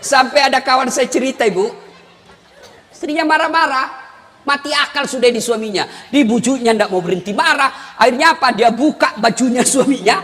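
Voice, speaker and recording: A male preacher giving a humorous sermon, joking and often shouting to the congregation. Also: very high voice, a little fast, big-room sound, a faint crowd.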